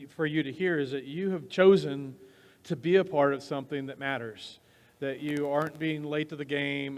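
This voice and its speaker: A man speaks as a pastor to his congregation, informal and encouraging. His voice sits a little high, with the long reverb of a hall around it.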